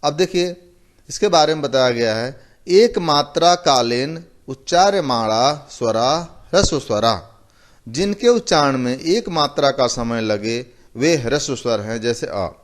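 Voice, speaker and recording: Slow, lively-voiced male teacher. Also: medium pitch. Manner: explains slowly, repeating terms and giving examples. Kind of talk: recorded classroom lecture.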